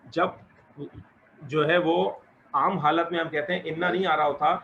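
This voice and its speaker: A man's voice: on the high side, fairly even intonation, normal speed, a bit bright. A man teaching an Arabic grammar lesson to a class, asking questions, explaining rules patiently and encouraging his students. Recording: dull lo-fi recording with faint noise.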